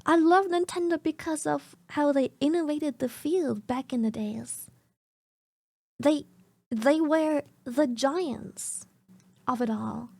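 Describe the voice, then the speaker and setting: A woman's voice: sits high, steady tone, a little slow, creaky, a little mellow, no room sound. A young woman streaming a casual reaction, talking bluntly and chattily in her groggy morning voice.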